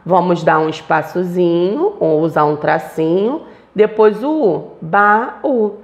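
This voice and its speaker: A woman teaching a lesson to young children from home, slow and sing-song. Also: on the low side, animated, a little mellow, muffled recording. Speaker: primary school teacher. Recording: echoey room.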